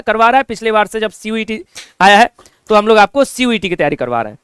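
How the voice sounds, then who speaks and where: A man's voice: very high-pitched, a bit bright, smooth, no room sound, studio quality. A man teaching an online exam-prep lesson, running through lists of topics and speaking straight to viewers. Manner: lists items in quick runs, addresses viewers directly. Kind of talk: online lesson explaining a syllabus.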